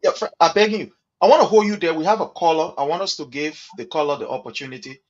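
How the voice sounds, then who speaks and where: A man hosts a call-in show in a slightly raised voice. He is brief and polite as he moves the talk between callers and guests, and the dull, lo-fi recording softens his sound. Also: fairly high pitch, fast talker. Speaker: host. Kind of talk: radio talk host.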